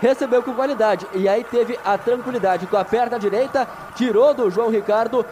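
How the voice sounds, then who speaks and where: Brazilian male match reporter, high-pitched, live descriptive goal recaps, light stadium noise in the background. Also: moderate pace. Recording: noisy live stadium broadcast.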